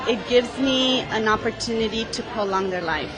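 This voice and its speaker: A woman community services coordinator in an interview, speaking with warm enthusiasm. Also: on the high side, moderate pace, a crowd in the background, low-quality recording.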